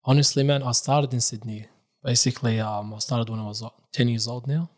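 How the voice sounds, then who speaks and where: Born in Iraq, this young adult male reciter of religious texts recounts his life casually on a podcast, slipping Arabic expressions into his speech. He speaks at a fairly quick clip in a medium pitch.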